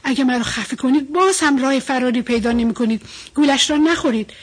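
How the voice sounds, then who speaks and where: Bold little fish, scornful and firm, high husky voice, woman reading. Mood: defiant.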